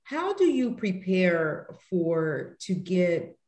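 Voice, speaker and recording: A low-voiced woman host guides a casual interview, encouraging and affirming. She sounds distant from the mic, in a roomy space. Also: sing-song, very slow, a little mellow.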